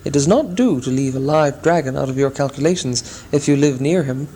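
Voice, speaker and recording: A man narrating a fantasy story aloud in a measured, expressive storytelling style. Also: mid-range voice, husky. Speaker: audiobook narrator. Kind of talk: scripted narration.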